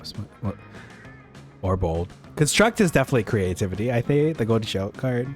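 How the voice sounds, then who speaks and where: A man's voice: on the low side, animated, fairly quick, soft background music. A man chatting casually as he plays through a game with a group. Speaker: player in a group playthrough. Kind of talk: casual chat during a game stream.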